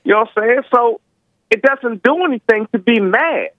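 A man's voice: extremely high pitch, lively intonation, moderate pace, no echo. Slurring man on a narrow phone line. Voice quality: slightly slurred articulation with slushy s sounds. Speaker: caller to a talk show. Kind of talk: casual phone-in talk.

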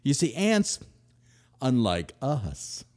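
A man hosting a podcast, telling a comic story in a wry, self-mocking way, swinging between loud and murmured. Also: medium pitch, wildly swooping pitch, drawn-out words. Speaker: podcast host, author.

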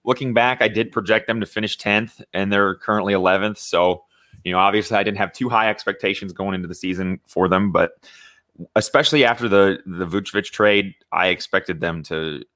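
Low-voiced man talking sports casually. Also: fairly even intonation, a little fast, fairly bright tone, no echo. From Indiana. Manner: conversational, many fillers and restarts. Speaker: podcast co-host.

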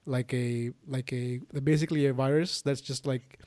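A man's voice: mid-range voice, fairly even intonation, normal speed, a little mellow, no room sound. A man from Sri Lanka hosting a podcast, talking casually in a rambling way with many restarts and fillers. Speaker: podcast host. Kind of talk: casual conversation.

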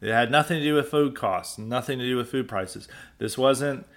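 An American man holds forth alone on his commentary podcast in a mid-pitched voice. He talks loosely, restarts sentences, and leans into a sarcastic, exasperated edge. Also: normal speed. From United States. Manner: loose, conversational, with frequent restarts. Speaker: podcast host. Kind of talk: solo political commentary podcast.

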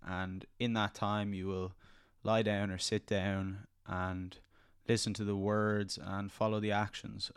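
Male meditation guide: deep, clear voice, composed and measured. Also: dry recording, clean studio sound. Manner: calm, unhurried, measured delivery. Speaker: podcast host guiding a meditation.

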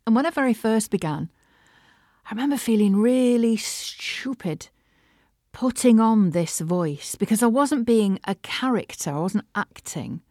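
A middle-aged woman with a Mancunian accent, hosting a casual solo podcast from her studio, chatty and animated. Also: fairly high pitch, measured pace, dry recording. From Manchester, England. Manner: chatty and animated, laughs often. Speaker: podcast host and voiceover artist. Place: home studio.

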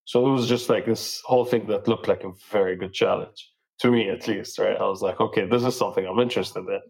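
Brief: young male founder from Dubai, gravelly, low-pitched, relaxed conversational interview. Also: fast talker, low-quality recording. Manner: relaxed, with many fillers like "like" and "you know". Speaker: guest, startup founder. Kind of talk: casual interview storytelling.

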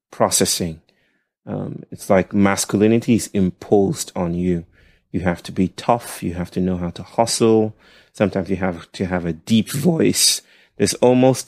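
A man from Nigeria with a nasal voice, speaking as a podcast guest in a thoughtful, halting way. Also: lowish voice, no echo, studio quality. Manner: thoughtful, halting, with soft laughs. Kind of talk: reflective conversational storytelling.

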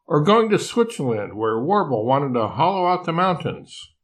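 An older man voicing a squeaky, bewildered male koala. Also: big pitch swings, normal speed. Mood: insistent bewildered. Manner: bewildered, pleading, rising questions. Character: excitable, squeaky male koala, drowsy and confused.

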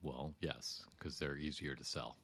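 A woman's voice: extremely low pitch, fairly even intonation, measured pace, vocal fry, husky, no echo, studio quality. A woman hosting a podcast, asking short, interested questions and laughing along with her guest. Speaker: podcast host. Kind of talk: casual conversation.

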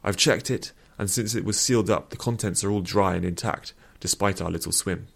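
A mild, gentle healer speaks hesitantly, as a man puts him on. The voice stays low and gravelly. It comes from a storybook reading. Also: a little fast, heavily acted.

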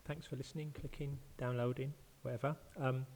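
A man's voice: mid-range voice, level tone, a little fast, darkish tone. Man podcasting from an echoey, bathroom-like room. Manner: hesitant, self-deprecating, chatty. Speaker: podcast host. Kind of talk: informal podcast talk. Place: echoing open living room with marble floor, like a bathroom. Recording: echoey marble-floored living room, hissy noise.

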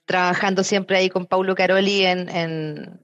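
A chatty woman with a Chilean accent, talking quickly and casually about her work as an interview guest. Her voice comes through a slightly dull, muffled recording with no room echo at all. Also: on the low side, fairly even intonation. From southern Chile. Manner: chatty, quick, frequent eh fillers. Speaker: engineering director guest.

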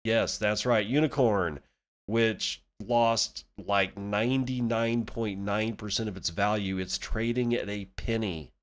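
A man's voice: fairly low pitch, fairly even intonation, unhurried. A man hosting a podcast solo, talking casually in a blunt, irreverent, sweary way. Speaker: podcast host.

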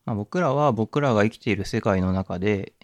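A man's voice: lowish voice, a little fast, dry recording. A man hosting a solo podcast, musing in a reflective way, with many fillers and restarts. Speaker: podcast host. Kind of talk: casual solo podcast talk.

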